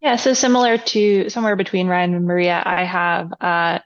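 Woman student panelist, lower voice, thoughtful and measured; dry, dull remote sound. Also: little pitch movement, no echo. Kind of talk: podcast interview answers.

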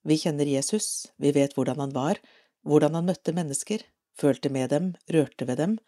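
A Norwegian woman reading a devotional article aloud for an audio edition of a parish magazine, calm and measured. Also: sits low.

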